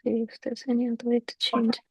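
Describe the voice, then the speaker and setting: A woman's voice: fairly high pitch, monotone, quick pace, breathy edge, no room sound. A woman chatting casually in an online meeting over a video call with earphones, easygoing and thinking aloud.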